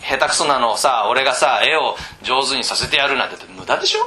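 A man coaching cram school teachers in a casual lecture, teasing them bluntly and often pausing to ask whether they follow. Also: medium pitch, animated, pushed and bright, slight background noise. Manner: keeps checking in with rhetorical asides.

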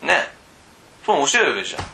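A man trains cram school teachers in a loose, teasing lecture, prodding them bluntly. His pitch swings widely and his tone is bright. He keeps breaking off to check that his listeners follow. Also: huge pitch swings, fast, gravelly, slight background noise. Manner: keeps checking in with rhetorical asides.

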